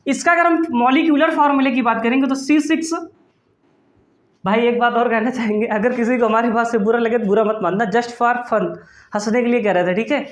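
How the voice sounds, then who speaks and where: A man's voice: very high voice, fairly even intonation, a little fast, roomy sound. A male chemistry teacher giving an online class, playful and teasing, calling his students "beta" and answering his own questions. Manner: calls students "beta" affectionately.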